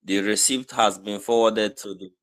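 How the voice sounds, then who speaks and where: A man's voice: on the low side, fairly even intonation, normal speed, fairly bright tone. A man on a call, politely reporting donations and listing donors. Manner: polite, lists names and sums.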